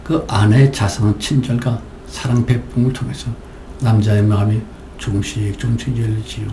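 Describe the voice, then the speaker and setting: Gravelly-voiced male pastor preaching. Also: on the low side, little pitch movement, normal speed, echoey room, background noise. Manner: storytelling preacher, acting out quoted dialogue. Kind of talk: sermon. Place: church.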